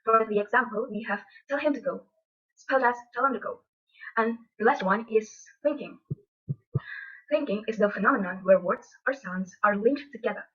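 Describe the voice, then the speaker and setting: Young female student, husky voice, lo-fi muffled recording, read-aloud class talk. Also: mid-range voice, moderate pace. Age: young adult. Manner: reads from notes, restarts words. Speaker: student presenter. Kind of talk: reading a class presentation.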